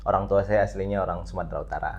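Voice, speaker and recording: A young man from Riau with a lowish voice talks as a student leader on a casual podcast. He answers in a measured, thoughtful way and pauses on filler sounds as he searches for words. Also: fairly even intonation, a little mellow, highs cut off. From Riau, Indonesia. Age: young adult. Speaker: student body president, guest.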